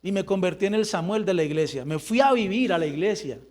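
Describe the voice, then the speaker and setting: A middle-aged man gives a lively church testimony, acting out the dialogue of his story. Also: sits high, fast talker. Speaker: church member giving testimony.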